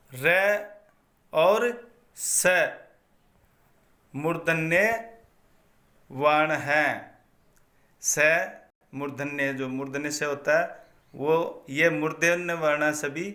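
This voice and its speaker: A man gives a Sanskrit pronunciation lesson at a very slow, measured pace. His voice sits a little high and sounds bright and forceful. He chants the grammar rules and says each one twice. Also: fairly even intonation. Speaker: Sanskrit teacher. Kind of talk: slow recited phonetics lesson.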